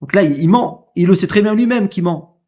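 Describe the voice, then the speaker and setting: A man's voice: high-pitched, expressive, a little fast, mellow. A man reacting to a clip in casual commentary, indignant and repetitive, firing rhetorical questions. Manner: indignant, repeats himself, fires rhetorical questions.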